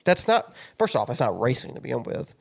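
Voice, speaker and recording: A man's voice: mid-range voice, sing-song, brisk, creaky. A man co-hosting a podcast, ranting casually about sports in an exasperated, informal, sweary way. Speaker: podcast host. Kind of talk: casual opinionated sports rant.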